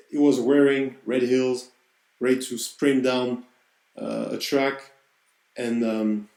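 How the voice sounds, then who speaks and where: A man's voice: mid-range voice, darkish tone, echoey room, poor audio. A man with a French accent, hosting a podcast and telling a personal story in an earnest, reflective way. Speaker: podcast host.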